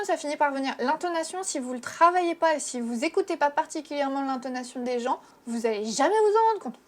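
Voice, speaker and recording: A young woman with a French accent talks straight to her viewers in a relaxed, chatty lesson. Her voice sits high, and she speaks frankly, with plenty of little fillers and restarts. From France. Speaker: Japanese teacher and YouTuber. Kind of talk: casual video lesson.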